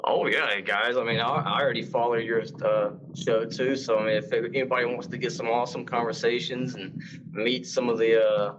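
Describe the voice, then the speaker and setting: A man's voice: medium pitch, steady tone, normal speed, a bit bright, dull audio. A man from Mississippi, an author guest, speaking casually and hesitantly, with many uh's. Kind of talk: casual podcast interview.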